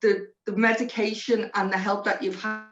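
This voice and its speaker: A woman is being interviewed on radio about her work. Her delivery is earnest and explanatory, with little pitch movement. The sound is a little dull and lo-fi. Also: flat delivery, moderate pace, fairly bright tone, faint music behind. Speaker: social prescriber being interviewed.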